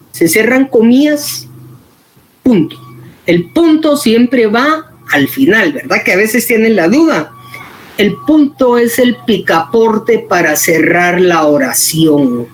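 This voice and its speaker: A woman's voice: medium pitch, a little hiss or hum, low-quality recording. A woman teaching a writing workshop in an informal lecture style, explaining patiently and often checking that her students follow.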